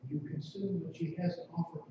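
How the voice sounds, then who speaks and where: A male pastor tells a vivid sermon story, drawing listeners in with the second person. His voice sits high and mellow. He is picked up from a distance in a very echoey sanctuary, with dull sound. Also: fairly even intonation, a little fast, background noise. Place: church sanctuary.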